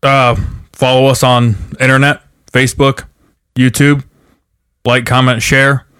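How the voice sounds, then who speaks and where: A man co-hosting a casual podcast, brisk and matter-of-fact. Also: mid-range voice, flat delivery, fairly bright tone, clean tone, no room sound, clean studio sound. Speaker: podcast co-host. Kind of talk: casual chat.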